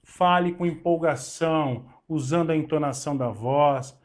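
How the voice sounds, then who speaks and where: A man's voice: on the high side, normal speed. Brazilian man teaching waiter skills. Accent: Brazilian Portuguese. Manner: acts out short waiter-and-guest dialogues, stresses words. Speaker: waiter trainer. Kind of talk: instructional talk to camera.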